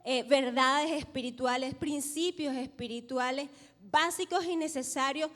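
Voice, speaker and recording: A woman's voice: high-pitched, fairly bright tone. A woman pastor preaching a sermon, reading scripture aloud and leading the congregation in repeating lines back to her. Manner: leads the congregation in call-and-response repetition; reads scripture aloud, slowing for emphasis. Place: church sanctuary. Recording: long hall reverb of a church.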